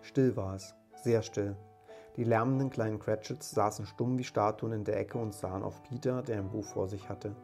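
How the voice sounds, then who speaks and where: A man with a low voice reads a classic tale aloud as an audiobook narrator. His delivery is calm and measured, and soft music plays faintly behind him.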